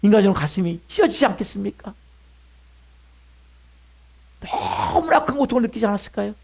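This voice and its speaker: Middle-aged male pastor, high voice, wide swings in pitch, emphatic sermon delivery that drops to hushed lines. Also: sing-song, brisk, creaky. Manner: emphatic preaching with rhetorical questions, sudden drops to a hush.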